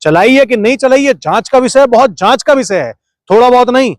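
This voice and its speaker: A man being interviewed, arguing his point forcefully and firing off rhetorical questions while refusing to be cut off. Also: very high voice, animated, brisk, no echo, studio quality. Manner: argumentative, fires rhetorical questions, keeps talking over interruptions. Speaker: interview guest. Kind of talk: heated political interview.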